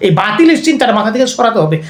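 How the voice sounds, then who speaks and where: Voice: mid-range voice, sing-song, rapid-fire, echoey room. An Islamic preacher giving a conversational religious lecture, often putting rhetorical questions to the listeners.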